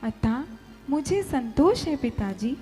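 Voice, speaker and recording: A woman playing a gentle dutiful princess. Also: high-pitched, slow, heavily acted. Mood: serene. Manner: calm, humble, soothing. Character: gentle devoted young princess, dutiful daughter. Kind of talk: stage play dialogue. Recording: reverberant hall with background music.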